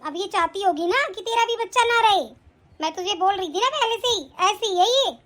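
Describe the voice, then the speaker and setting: A woman voicing a scornful mother-in-law, very high. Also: moderate pace, fairly bright tone. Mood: spiteful. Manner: taunting, bossy. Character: scolding older mother-in-law, harsh and spiteful. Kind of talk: animated family drama voice acting.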